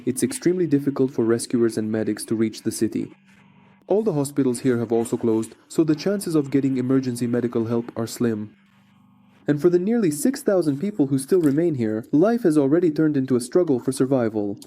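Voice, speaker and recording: A man's voice: mid-range voice, fairly quick, mellow, slight background noise. A man narrating a scripted frontline report as a war correspondent.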